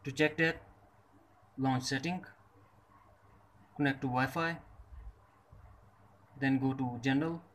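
Slow and methodical, a mid-pitched man narrates a scripted tech tutorial, splitting his step-by-step directions into short, distinct phrases. His intonation is fairly even and slightly bright.

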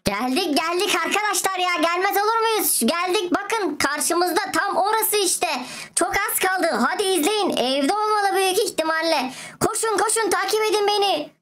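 A woman voicing a gentle beggar boy who quietly reassures his friends. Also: very high voice, lively intonation, moderate pace, slight background noise. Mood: reassuring. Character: gentle soft-spoken beggar boy guide.

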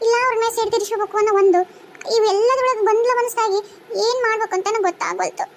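A woman voicing a grieving young ghost wife in a cartoon, pleading and wailing in a North Karnataka Kannada accent. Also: steady tone. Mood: distressed. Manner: very high, fast, pleading and wailing. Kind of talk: cartoon voice acting.

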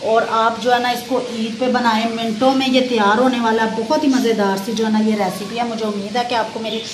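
A low-quality phone recording from a kitchen catches a woman with a fairly high, level voice talking a little fast as she narrates a recipe step by step for her home cooking channel. She's polite and casual, often offering blessings. The room echoes and there is slight background noise.

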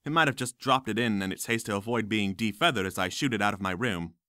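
A man reading a first-person audiobook in a wry, lively storytelling manner. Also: lowish voice, quick pace, no echo, studio quality. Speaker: audiobook narrator.

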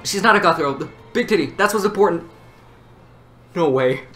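A hyped-up young woman giving a live reaction to a game trailer, exclaiming excitedly and swearing freely. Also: lowish voice, normal speed. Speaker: reaction video creator. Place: small room at home. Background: game trailer music.

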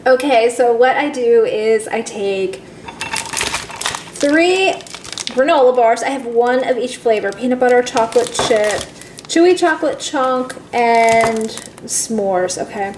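A woman's voice: a little high, unhurried. A woman hosting a cooking video, walking viewers step by step through a simple recipe in a chatty way that calls them guys. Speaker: cooking channel host. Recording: echoey room with faint background noise.

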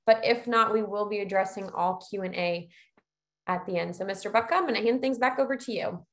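A woman's voice: medium pitch, fairly quick. A woman giving a structured webinar presentation over a video call as an education company presenter. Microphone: video call, computer microphone.

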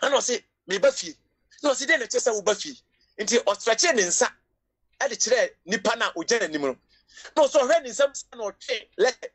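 A woman's voice: fairly high pitch, animated, normal speed. Impassioned Ghanaian woman preaching. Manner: emotional, rising to cries and shouts, mixing English into Twi preaching. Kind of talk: sermon.

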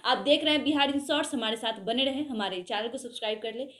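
A woman's voice: fairly high pitch, fast, fairly bright tone, roomy sound. A young woman in her twenties presenting a news report to camera in a small studio, earnest and questioning. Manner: earnest, questioning, with open hand gestures. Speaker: news anchor.

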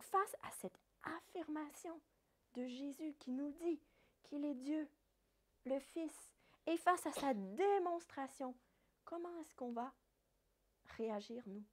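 A woman with a French accent, a Sunday school teacher retelling a Bible story for children with lively little acted quotes. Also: high voice.

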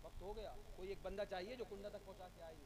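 A man preacher delivering a sermon, emphatic and repetitive, often shouting and calling for responses. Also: high-pitched, steady tone, quick pace.

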